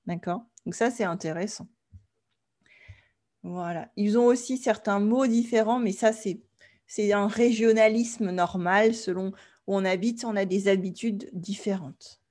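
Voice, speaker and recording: A woman from France teaching an online French class, explaining slowly and clearly and often checking that her students follow. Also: medium pitch, darkish tone.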